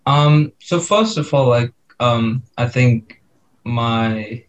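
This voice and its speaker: A man's voice: medium pitch, slow pace, low-quality recording. A twenty-year-old man from India, a guest on a podcast, chatting casually and laughing often. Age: 20s. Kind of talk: casual chat.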